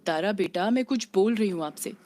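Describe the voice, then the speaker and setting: A woman's voice: mid-range voice, fairly quick, mellow, slight background noise, close to an everyday voice. A woman voicing a doting but firm mother. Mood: firm, annoyed. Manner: affectionate yet firm.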